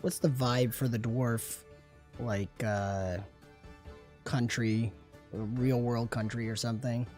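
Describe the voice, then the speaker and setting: Male co-host, mid-pitched and eager, laughs easily while pitching ideas, with faint music behind. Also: fairly even intonation, slow, darkish tone. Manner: giggly, enthusiastic. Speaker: game designer co-host. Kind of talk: casual livestream brainstorming.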